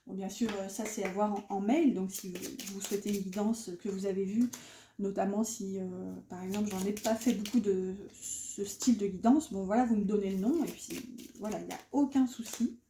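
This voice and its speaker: A chatty woman who gives a loose, rambling tarot reading full of fillers and restarts. Her voice sits a touch high but sounds mellow and soft. The room around her is noticeably echoey. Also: slight background noise. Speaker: tarot card reader. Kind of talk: casual spoken tarot reading.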